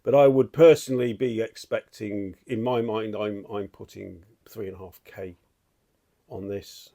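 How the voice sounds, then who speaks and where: A middle-aged man chatting excitedly in a home vlog, rambling and restarting his sentences as he walks around. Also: fairly low pitch, a little slow, gravelly. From United Kingdom. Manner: enthusiastic, rambling, with many restarts. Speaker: statue collector vlogger. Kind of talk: excited casual vlog chat. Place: at home, walking between rooms.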